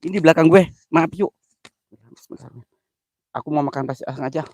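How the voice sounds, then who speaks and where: A man's voice: fairly high pitch, fast, darkish tone, no echo. Giggly, flustered male live-stream host. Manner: giggly, flustered, mixing slang with broken English. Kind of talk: casual live-stream chat.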